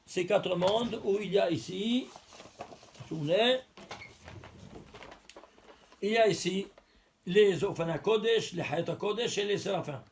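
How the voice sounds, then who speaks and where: High-voiced man teaching a religious lesson. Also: a little slow, pauses often. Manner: explains step by step, asks and answers his own questions; counts out letters and numbers aloud.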